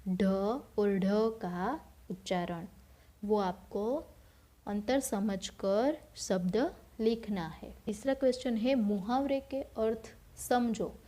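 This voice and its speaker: A schoolteacher, a woman, walks young pupils through a language lesson at an unhurried pace. Her voice is soft and mellow. She repeats each word and quizzes the class before giving the answer herself. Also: medium pitch. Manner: slow, patient, repeats words and asks then answers her own questions. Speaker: school teacher. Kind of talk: recorded Hindi grammar lesson for children.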